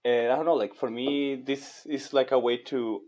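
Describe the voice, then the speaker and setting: A man's voice: mid-range voice, fairly even intonation, moderate pace, darkish tone. A young man from Chile, a master's student and guest, talking casually on a video call with many "like"s and "um"s. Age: young adult. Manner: hesitant, many fillers like "like" and "um". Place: small bright room indoors. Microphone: headset on a video call.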